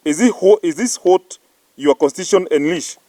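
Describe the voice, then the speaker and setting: A man's voice: sits high, moderate pace, dark tone, dry recording. A Kenyan man reads out a political press statement as party spokesman, declamatory and defiant, often stumbling over his words.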